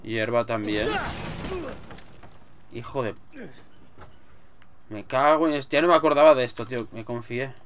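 A man with a mid-range voice and a Spanish accent talks through a game at a measured pace, leaving long pauses. He's a let's player whose commentary is casual and full of swearing, and he mutters to himself as he plays. Game music runs underneath, along with crowd noise.

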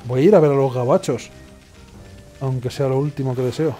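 A man's voice: medium pitch, steady tone, brisk, warm tone. A man giving casual let's play commentary, sarcastic and rambling, often muttering to himself. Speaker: gaming streamer. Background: faint game music.

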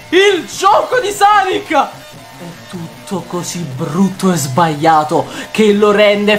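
A young man hosting a reaction video, excitable and quick to shout and laugh between comments. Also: very high voice. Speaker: YouTuber host.

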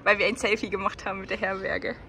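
A young woman chatting on camera in a bubbly, excitable way while out on the street. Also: mid-range voice, quick pace, vocal fry, noisy background. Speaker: vlogger. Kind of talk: casual chat on camera.

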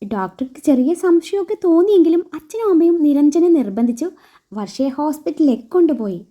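A woman storyteller reading a scripted romantic story in a steady, expressive way. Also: high voice, brisk.

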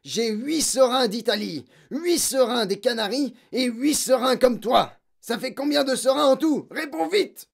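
A narrator voicing a huge, brutal, bullying headmistress in an audiobook, barking and shouting insults. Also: mid-range voice, sing-song, moderate pace, creaky, voice pushed up. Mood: furious. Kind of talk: audiobook character voice.

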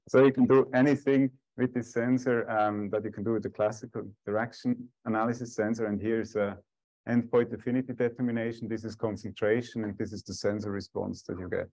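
A man's voice: on the low side, steady tone, normal speed, a little mellow, no echo, low-quality recording. A man giving a technical talk and answering questions as a scientist at a conference. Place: conference lecture room.

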